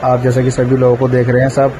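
A tired, slightly breathless man talks to his phone camera as he climbs a hillside stairway, chatting in a flat, even tone. Clear outdoor noise runs behind him the whole time. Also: mid-range voice, low-quality recording. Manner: chatty, tired, filling pauses with "matlab". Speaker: vlogger. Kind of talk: casual travel vlog narration. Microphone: phone camera held while walking.

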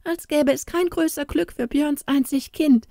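A woman voicing a frightened young farmer's daughter, speaking high, tearful and breathless. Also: fairly even intonation, a little slow, mellow, no room sound, clean studio sound. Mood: indignant.

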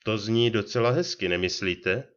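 A man voicing a talkative, excitable old ferryman in a read-aloud story, exclaiming and gossiping, on a dull lo-fi recording. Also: on the low side, lightly acted. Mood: chatty.

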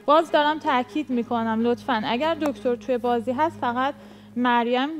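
A woman's voice: fairly high pitch, fairly even intonation. A woman player arguing her case in a mafia game, firm and insistent, asking for trust. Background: background music.

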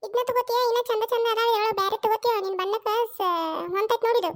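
A woman's voice: extremely high pitch, steady tone, rapid-fire. A woman voicing a touchy, complaining older mother-in-law in a cartoon, with a North Karnataka accent and a grumbling, indignant manner. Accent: North Karnataka Kannada.

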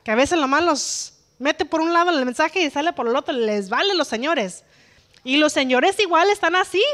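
A woman's voice: high voice, animated, normal speed, fairly bright tone. A woman leading a workplace communication workshop, earnest and often checking that the group agrees. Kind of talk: instructive workshop talk to a group.

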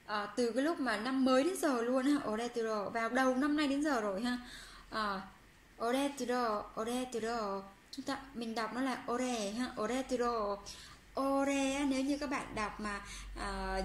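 Brief: woman language teacher, high voice, patient and repetitive delivery, roomy recording. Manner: patient, repeats phrases slowly for learners; reads Korean example sentences quickly. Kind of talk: explaining a language lesson. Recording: roomy with faint background hum.

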